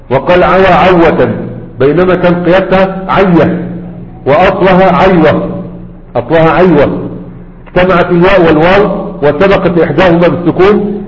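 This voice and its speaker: A man with an Egyptian accent giving a grammar lesson who keeps checking with his students, asking "right?". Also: fairly high pitch. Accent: Egyptian Arabic. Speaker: teacher of Arabic grammar. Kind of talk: classroom lecture. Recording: echoey hall, dull lo-fi sound.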